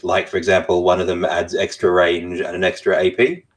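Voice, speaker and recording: A man's voice: low voice, flat delivery, brisk, low-quality recording. A man co-hosting a podcast in casual chat, dropping dry sarcastic remarks. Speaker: podcast co-host.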